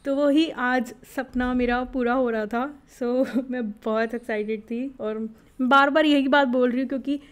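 Young woman doing voice-over for her travel vlog, kinda high voice, excited and thoughtful, drops english words in. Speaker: travel vlogger.

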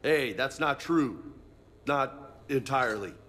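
An actor playing a brawny, cocky young marine bantering casually in a video game. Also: male voice, mid-range voice, animated, slow, a bit bright. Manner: casual banter with Spanish words. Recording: reverberant room with background noise.

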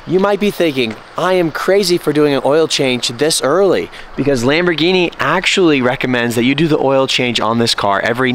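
A car vlogger in his twenties with an American accent chats casually to a handheld camera held at arm's length, his medium-pitched, fairly bright voice raspy and hoarse from a lingering cold. He's outdoors, in a car and in a large garage workshop, and the audio is noisy with car ambience.

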